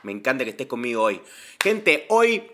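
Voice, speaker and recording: A man's voice: medium pitch, sing-song, moderate pace, noisy background. A man with a Rioplatense Spanish accent hosting a reaction video, chatty, slangy and enthusiastic. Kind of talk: casual reaction commentary.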